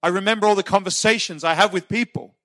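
A man's voice: sits high, fast. A man preaching in English, telling a personal story in short phrases left for an interpreter. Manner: emotional storytelling, shouted cries in quoted moments. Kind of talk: sermon with live interpreter.

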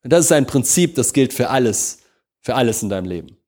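A man preaching a sermon, swinging between slow, emphatic proclamation and soft, intimate prayer, often checking in with his congregation. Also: medium pitch, animated. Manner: addresses congregation with repeated questions.

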